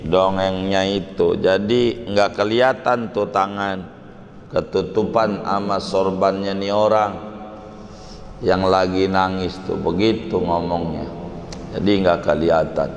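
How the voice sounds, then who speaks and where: A male Islamic preacher, telling a story in a colloquial, unhurried sermon. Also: low-pitched, steady tone, a little hiss or hum. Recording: echoey hall with faint ambience.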